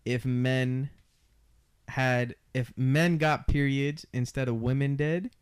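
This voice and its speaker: A man's voice: mid-range voice, fairly even intonation, slow, clear, resonant tone, dry recording, clean studio sound. A young man speaking as a panelist in a casual, slangy, conversational chat. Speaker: podcast panelist.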